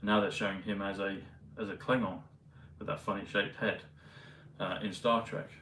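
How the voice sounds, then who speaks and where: A man vlogging in a meandering, hesitant casual monologue full of pauses and fillers. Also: on the low side, flat delivery, sharp tone, a little hiss or hum. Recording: roomy, mic at a distance, faint ambience.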